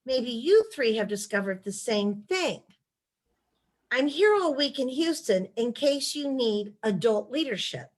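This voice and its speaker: A woman author, a former chief of staff, reading letters aloud in a measured storytelling way during a video call interview. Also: fairly high pitch, lively intonation.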